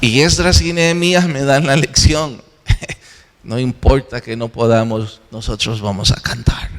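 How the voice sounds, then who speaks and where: A man's voice: medium pitch, steady tone, measured pace. A man preaching a sermon as pastor, earnest and exhorting, often asking questions and answering them himself. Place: church sanctuary. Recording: long hall reverb.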